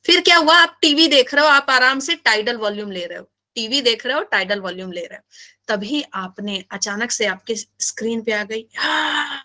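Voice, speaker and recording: A woman teaching biology in a live class, animated and playful, often asking her students questions. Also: fairly high pitch, moderate pace.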